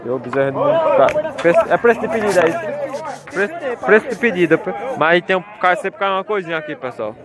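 His voice sits high, with a sing-song quality and quick pace. The man is a vlogger moving through outdoor cattle pens at a fair, phone out, casually chatting to his audience and repeating his call-outs over the crowd chatter of the market.

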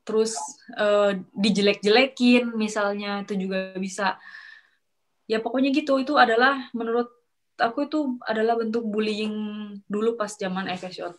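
A young woman casually telling a personal story, chatty and animated, acting out what others said. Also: medium pitch, moderate pace. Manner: animated, acts out quoted coworkers with sharp rises; chatty, many fillers and restarts, slangy. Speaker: storyteller sharing a work experience. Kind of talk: casual chat, confiding story.

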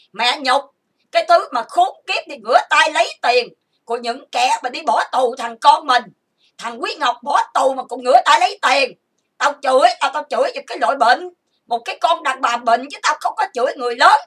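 High, bright-voiced woman ranting angrily. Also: recorded from a distance. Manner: profane, accusing, insulting. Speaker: online streamer. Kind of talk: angry livestream rant. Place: lying down at home.

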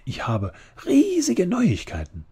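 A man voicing an excited young vampire girl who pleads eagerly, in a relaxed ASMR story reading. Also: fairly low pitch, moderate pace, breathy edge, exaggerated voice.

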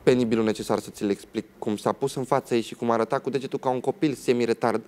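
A man's voice: mid-range voice, fairly even intonation, a little mellow. A young man, a guest on a TV talk show, telling a personal story in a dramatic way and acting out what other people said.

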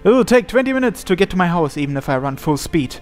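Indoors, a man voices over a game playthrough, reading a visual novel as dramatic scripted narration with game music in the background. He talks fast, his voice sitting high with big pitch swings.

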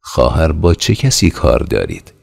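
A man voicing a callous Cossack commander who talks in a cold, falsely calm and menacing way. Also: rumbling low, creaky, slightly rough, exaggerated voice. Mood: falsely polite.

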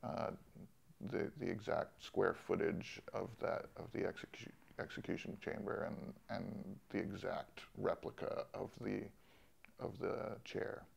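A man in his forties, a film director, speaking thoughtfully in an interview with many pauses and restarts. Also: low voice, creaky, breathy edge. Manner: soft-spoken, thoughtful, with many ums and restarts. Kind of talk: interview conversation. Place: studio in Los Angeles.

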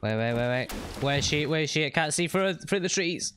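A man's voice: a little high, expressive, a little fast, a bit bright, slight background noise. A man hosting a gaming channel, chatting upbeat and thinking aloud as he plays a co-op game. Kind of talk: co-op gameplay commentary. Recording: game sound and gunfire behind the voice.

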